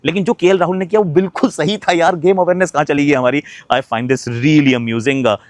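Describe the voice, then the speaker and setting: A man's voice: fairly high pitch, fairly even intonation, normal speed, dry recording. A man giving a casual cricket reaction, mixing Hindi and English with emphatic points and frequent hesitant fillers. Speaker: cricket commentator.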